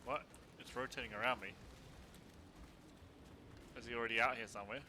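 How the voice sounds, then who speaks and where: A man's voice: mid-range voice, steady tone, brisk, sharp tone, a little hiss or hum. Chatty man streaming a game. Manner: chatty, thinks aloud, goofy exclamations. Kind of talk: live gameplay commentary.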